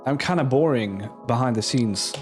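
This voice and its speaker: A man's voice: mid-range voice, expressive, normal speed, darkish tone, soft background music. Give me a young man rambling casually on stream. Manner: rambling, offhand, self-mocking. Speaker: streamer reacting to a video.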